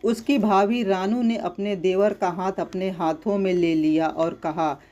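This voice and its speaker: A narrator reading a story aloud in a slow, even, unhurried way. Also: mid-range voice, lo-fi sound.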